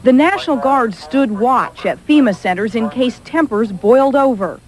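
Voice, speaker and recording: A woman's voice: fairly high pitch, expressive, moderate pace. A woman narrating a scripted television news report as a correspondent.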